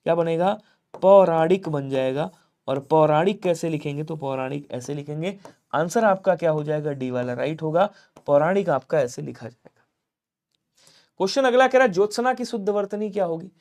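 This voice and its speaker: A man from Lucknow teaching a live online exam-prep class, with a fairly high voice. He fires questions at viewers and answers them himself in a call-and-response rhythm. He keeps pushing people to comment fast. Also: lively intonation, darkish tone. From Lucknow, India. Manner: drills answers by asking and answering his own questions; urges viewers to comment quickly. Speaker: Hindi teacher.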